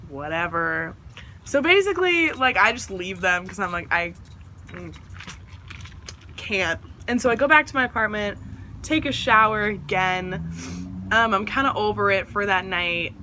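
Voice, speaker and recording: Bright rambling young woman storyteller. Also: mid-range voice, normal speed, slight background noise. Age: young adult. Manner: rambling, filler-heavy, animated quoting of others. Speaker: vlogger. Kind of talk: casual storytime.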